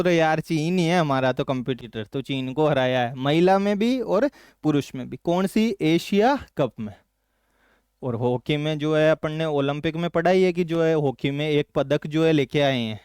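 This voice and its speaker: Man, exam-prep lesson, quizzing then answering low, fairly high voice, smooth and clear, dry close mic. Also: no echo. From Rajasthan, India. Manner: quizzes students with quick questions, then answers in a low, softer voice. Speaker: teacher.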